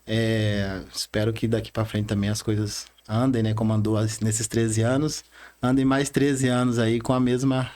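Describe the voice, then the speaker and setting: A man in his thirties with a Rondônia Brazilian accent, a bank manager chatting as a podcast guest, earnest and halting, tagging lines with "né?". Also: fairly low pitch, little pitch movement, a little mellow. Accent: Rondônia Brazilian Portuguese. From Bahia, Brazil, raised in Rondônia. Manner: earnest, frequent "né?" tags, halting restarts. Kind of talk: casual interview talk.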